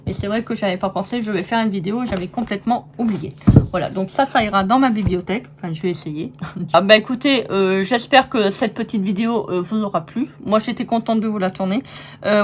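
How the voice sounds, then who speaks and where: A woman's voice: mid-range voice, a little hiss or hum. A woman chatting enthusiastically in a casual crafts haul video, with many fillers and restarts. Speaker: crafts vlogger.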